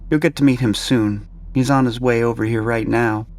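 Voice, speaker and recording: A man voicing a brisk, sharp-tongued female military doctor in a storybook narration. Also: mid-range voice, fairly even intonation, pitched above the performer's own voice, lightly acted. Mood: disdainful. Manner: scolding, blunt.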